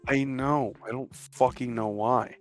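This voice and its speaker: Sex: man. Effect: glitching, cutting-out audio. Mic: remote call over home internet. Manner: blunt, swears a lot. Pitch: middle. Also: steady tone, measured pace, soft background music. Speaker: podcast co-host. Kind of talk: casual chat.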